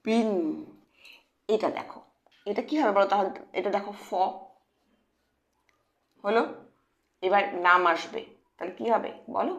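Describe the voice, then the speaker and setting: A woman teaching English phonics to children in a lively, questioning way. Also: mid-range voice, normal speed, pauses often. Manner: animated, questioning teacher voice addressing kids. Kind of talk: children's lesson.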